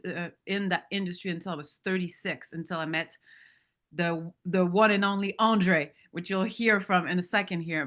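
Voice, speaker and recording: Woman speaker in her thirties or forties, candid motivational storyteller who asks the room questions, mid-pitched voice. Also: fairly bright tone. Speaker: motivational speaker at a sales training. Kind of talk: motivational talk to an audience.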